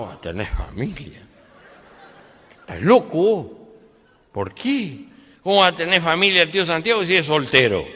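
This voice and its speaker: A man's voice: mid-range voice, a bit bright, pitched below the performer's own voice, close to an everyday voice. A man voicing a tipsy man who insists he is sober, speaking Spanish with an Argentine accent and protesting in a slurred, indignant way. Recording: reverberant hall with faint noise.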